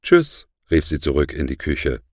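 Very deep expressive male storyteller. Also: a little slow, no echo, studio quality. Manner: expressive, lightly voicing the characters. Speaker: narrator. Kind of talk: scripted storybook narration.

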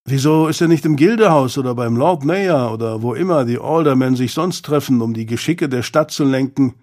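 A man's voice: mid-range voice, a little fast, darkish tone, close to an everyday voice. A man voicing a young man who grumbles in exasperation about his uncle, in an audiobook. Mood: exasperated. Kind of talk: audiobook character voice.

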